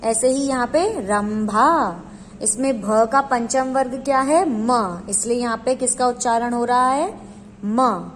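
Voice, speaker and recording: A woman with a high voice teaches at a slow, deliberate pace. She explains each step patiently and poses questions to her listeners before answering them. Her voice carries a long room reverb. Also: a little hiss or hum. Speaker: Hindi teacher.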